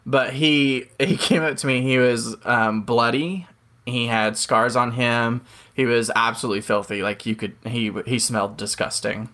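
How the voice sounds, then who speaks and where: Male podcast co-host, mid-pitched, rambling storyteller with jokey tangents. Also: fairly even intonation, normal speed, sharp tone. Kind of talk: casual chat.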